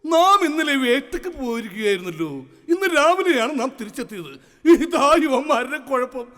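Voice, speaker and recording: Male actor as a foolish blustering king, high and lively, stage comedy, reverberant. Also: normal speed, exaggerated voice. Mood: indignant. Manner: blustering, scolding, comic. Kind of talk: live stage comedy skit. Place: outdoor festival stage. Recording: reverberant live stage sound.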